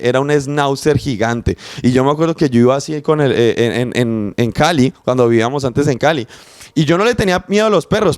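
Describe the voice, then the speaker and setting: A man's voice: a little high, smooth, dry recording, clean studio sound. A young man preaching a sermon, earnest and passionate, speaking directly to the listener.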